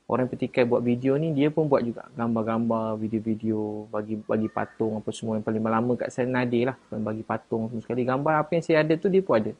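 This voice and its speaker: On a live stream, a man with a Malaysian Malay accent chats casually, answering viewers and defending himself, his voice at times growing louder and higher. The sound is slightly rough, with the highs cut off.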